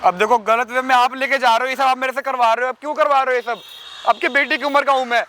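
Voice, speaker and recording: Casting: young actor as a high, quick-talking student nephew, begging and protesting. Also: male voice, steady tone, sharp tone, slight background noise. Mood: pleading. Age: young adult. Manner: pleading, protesting, repeating himself. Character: young male student nephew, frightened and pleading. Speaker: actor in a short drama.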